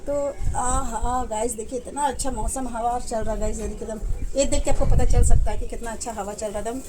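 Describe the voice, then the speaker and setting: A woman's voice: a little high, steady tone, fairly quick, noisy background. A middle-aged woman chatting casually to her viewers in a home vlog, telling family stories while doing chores in her kitchen. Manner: chatty, addresses viewers as guys. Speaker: vlogger.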